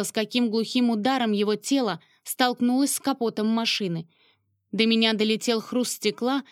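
Higher-voiced woman narrating a dramatic audiobook. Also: no echo, clean studio sound. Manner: emotional, dramatic storytelling. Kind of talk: first-person audiobook narration.

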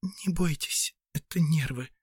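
A man voicing a gentle, tearful young woman who speaks softly and pleadingly in a hushed tone. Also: a little high, lively intonation, normal speed, no room sound, studio quality, voice pushed up.

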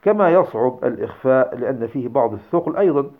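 A man gives a lecture, pausing often on hesitation sounds before slowing down to recite his examples with care. His voice sits at a middle pitch. The recording is thin and narrow, like a phone line. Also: animated. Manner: explains step by step with many hesitations, demonstrates recitation slowly. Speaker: teacher.

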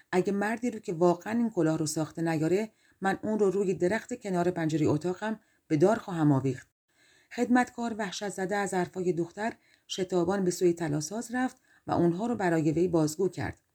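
A woman reads a fairy tale aloud for an audiobook. Her voice sits a little low and sounds mellow and slightly breathy. She tells the story calmly and voices every character herself. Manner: calm storytelling, reading all characters in her own voice. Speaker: audiobook narrator. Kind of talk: storybook narration.

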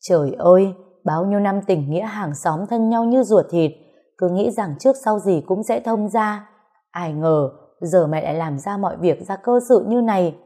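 A woman's voice: mid-range voice, moderate pace, dark tone, close to an everyday voice. A woman voicing an older mother in a read-aloud story, scolding her son in distress. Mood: distraught. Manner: scolding, wailing.

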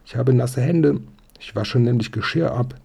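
A man voicing a pert, bossy little girl cousin in a storybook reading, squeaky and quick-witted. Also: gravelly, dark tone, husky. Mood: cheeky.

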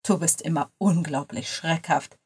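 A woman reading the lines of a young male lawyer in a lower, softer, relaxed voice. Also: normal speed, lightly acted. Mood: teasing.

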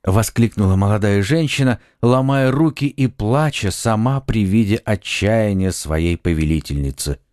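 Low-voiced man narrating a storybook. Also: dry recording, studio quality. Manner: measured, even storytelling. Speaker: audiobook narrator. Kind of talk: scripted narration of a children's audiobook.

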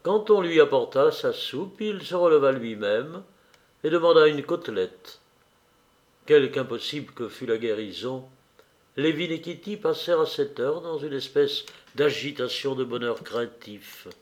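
A man reading a novel aloud as an audiobook, measured and even. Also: mid-range voice. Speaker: audiobook reader.

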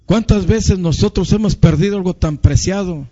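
High-voiced impassioned male preacher. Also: moderate pace, dark tone. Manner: impassioned, repeats "hermanos". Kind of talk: sermon. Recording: muffled lo-fi recording.

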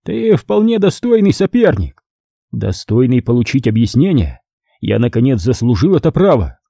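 A man's voice: mid-range voice, sing-song, moderate pace, creaky, warm tone, breathy edge, no echo, studio quality, exaggerated voice. A man voicing a ruthless, mocking middle-aged male crime lord in an audiobook, speaking in a sneering, imperious way.

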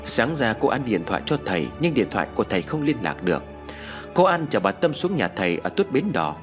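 A man narrating a ghost story in a dramatic, measured manner. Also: medium pitch, sing-song. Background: background music.

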